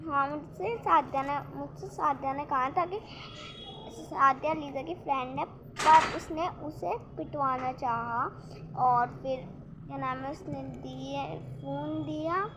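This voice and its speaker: A young woman vlogger telling a rambling, excitable story about her day in casual chat. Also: sits high, unhurried, background noise. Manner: rambling, restarts often, excitable retelling.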